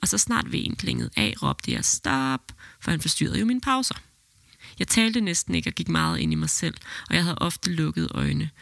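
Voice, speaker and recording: A midwife who hosts a podcast reads a birth story aloud in an even, steady manner, then discusses it. Her voice sits low and creaky, with no echo.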